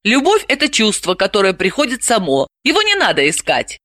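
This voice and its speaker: A woman reading an audiobook, voicing a tired, measured woman psychologist in her thirties. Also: mid-range voice, wildly swooping pitch, a bit bright, no room sound, clean studio sound. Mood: calm.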